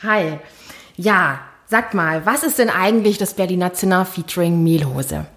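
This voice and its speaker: A woman's voice: on the low side, animated, moderate pace, fairly bright tone. Upbeat woman interviewer. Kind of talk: friendly podcast interviewing.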